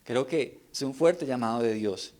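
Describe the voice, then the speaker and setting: A man's voice: medium pitch, unhurried, darkish tone. A middle-aged man preaching an earnest sermon, pressing the congregation with rhetorical questions.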